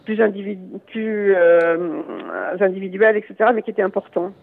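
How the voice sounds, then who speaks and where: A man from Lyon speaking as a guest on a radio show over a phone line, halting and full of fillers. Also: sits high, fairly even intonation. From Lyon area, France. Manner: hesitant, halting, many fillers and restarts. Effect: heard over a phone line.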